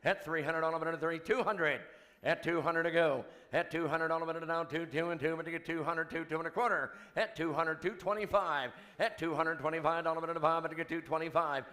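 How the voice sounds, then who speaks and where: A man working as an auctioneer at a live charity auction, calling bids in a rapid rhythmic chant with repeated numbers and joking asides. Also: on the high side, steady tone, pushed and bright. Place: event hall, live before an audience.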